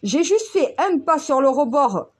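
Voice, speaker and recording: High-voiced female vlogger, heated and blunt, freely profane monologue. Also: very animated, unhurried, darkish tone. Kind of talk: casual ranting monologue.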